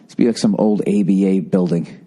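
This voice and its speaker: A man's voice: low voice, fairly quick, dark tone. A middle-aged man rambling casually as a podcasting comedian, profane and sarcastic, and he jumps into mocking voices. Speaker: comedian hosting a podcast, answering listener letters.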